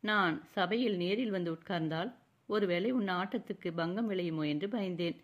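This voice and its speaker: Brief: woman narrator doing a courtly young prince, teasing tone, slightly low voice. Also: normal speed, muffled recording, close to an everyday voice. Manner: mocking, courtly. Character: young royal prince, teasing then tender.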